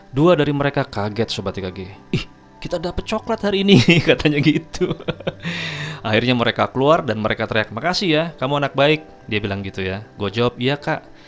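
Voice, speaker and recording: A man telling a casual first-person story to his viewers, chatty and chuckling often. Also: fairly low pitch. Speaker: storytelling vlogger.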